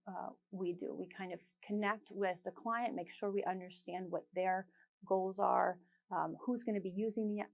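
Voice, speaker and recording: A woman presenting at a technical conference in a relaxed way, often pausing on fillers and dropping in light jokes. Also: on the low side.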